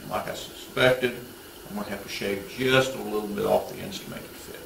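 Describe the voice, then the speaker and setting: This is a man in his thirties with a lowish, steady voice, some vocal fry, and a fairly quick delivery. He explains each step of a woodworking project in a practical, matter-of-fact, instructive way. The audio comes from a home garage workshop, where a distant mic picks up the roomy space and the noise of tools.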